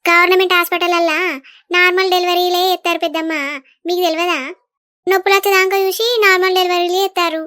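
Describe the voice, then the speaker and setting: A cartoon grandmother, played by a woman, fretting over her family. The voice is very high, fast and bright, with a plaintive pull to it. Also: level tone. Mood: explaining. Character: worried grandmother, soft-spoken village woman. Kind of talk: animated village comedy voice acting.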